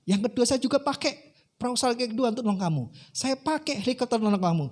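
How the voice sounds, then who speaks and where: A man voicing God as a calm, patient figure who explains things matter-of-factly. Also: extremely high pitch, fast talker, pitched above the performer's own voice.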